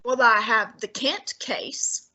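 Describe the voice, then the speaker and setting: In an old-time radio drama, a woman plays a fussy, heavyset older detective who holds court, talking down to everyone in slow, high, bright tones and relishing every long word. He stays haughty, imperious, and lofty throughout, with a fully committed character voice. The recording is rough.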